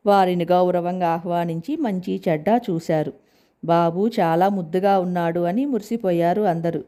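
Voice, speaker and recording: A woman reads a family story aloud in a steady, plain way. Her voice sits low with a soft, mellow tone. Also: moderate pace. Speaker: narrator.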